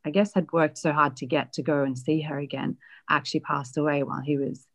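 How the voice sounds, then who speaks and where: A woman being interviewed, reflectively telling a personal family story with many pauses and fillers. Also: sits low, steady tone. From Australia. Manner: reflective, hesitant with frequent fillers.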